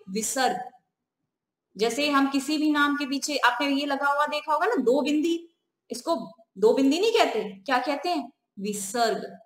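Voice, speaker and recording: A woman teacher giving a grammar lesson, asking questions and answering them herself, and slowly repeating the key terms. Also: high-pitched, fairly bright tone, echoey room.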